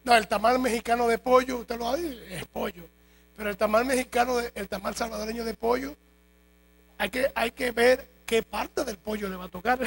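A man preaching a sermon in a church, telling jokes and stories in a lively way. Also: extremely high pitch, normal speed, vocal fry, poor audio. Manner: animated, joking storytelling. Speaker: pastor. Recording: faint mains hum.

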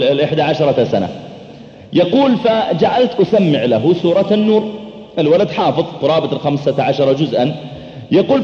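A middle-aged male preacher giving a sermon, telling stories animatedly and acting out the dialogue. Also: on the high side. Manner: animated, acts out dialogue, chants verses slowly. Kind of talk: sermon storytelling. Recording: echoey hall, dull lo-fi sound.

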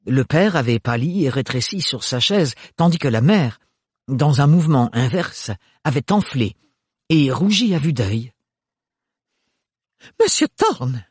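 A man narrating an audiobook in a measured, expressive reading voice, close to the mic. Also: mid-range voice, breathy edge, dry recording. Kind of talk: scripted narration.

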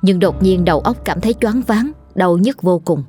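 A woman narrating a scripted horror story in a steady, measured way. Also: medium pitch. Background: faint music.

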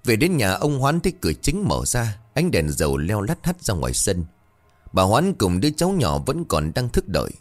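Guy narrating a ghost story, lowish voice, lots of up and down. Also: wildly swooping pitch, faint music behind. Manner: measured, suspenseful.

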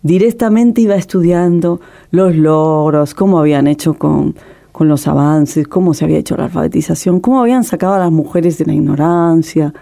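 A middle-aged documentary filmmaker, appearing as a guest, tells her story in an interview with passion and emotion, often restarting her sentences. Her voice is low-pitched, gravelly and mellow, and she speaks a little fast.

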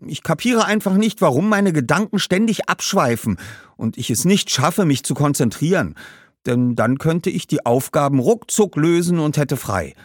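A man's voice: fairly high pitch, animated, normal speed, no room sound, studio quality, pitched above the performer's own voice. A man doing an eager, outspoken young girl. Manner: eager, exclamatory.

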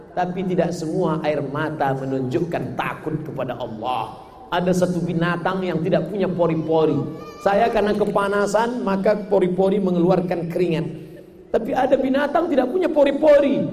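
High-voiced preacher in an echoing hall. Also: male voice. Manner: chants verses, then explains with jokes and shouted emphasis. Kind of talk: humorous sermon. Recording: echoey hall, faint noise.

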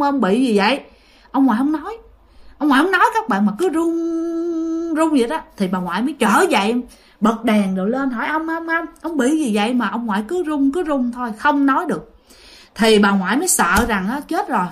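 A woman telling a ghost story in a casual, animated way, speaking directly to listeners. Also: fairly high pitch.

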